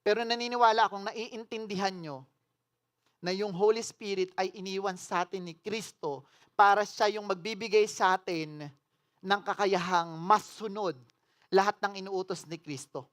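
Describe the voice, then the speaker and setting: A woman pastor preaching a sermon in an emphatic style. She shifts from ringing, raised declarations to low, intimate appeals and keeps asking the congregation questions. Her pitch sits in an ordinary middle range. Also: fairly even intonation, moderate pace. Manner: emphatic preaching that swings between loud declarations and hushed, earnest appeals; mixes English phrases into her preaching.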